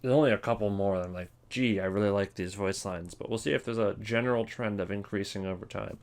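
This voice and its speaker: A man on the low side of pitch talks quickly while a slight hiss or hum sits in the background. As a video creator ranking game voice lines, he rambles casually, sounding offhand and hesitant and stopping himself mid-thought.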